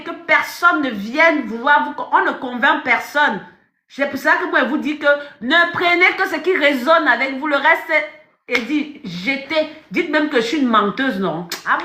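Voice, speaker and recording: A woman coach talks on a phone live stream, emphatic and direct, circling back to the same phrases again and again. Her voice is fairly high and bright. The room around her rings with echo. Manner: emphatic, repeats phrases, addresses viewers directly. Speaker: life coach. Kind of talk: live-stream motivational talk.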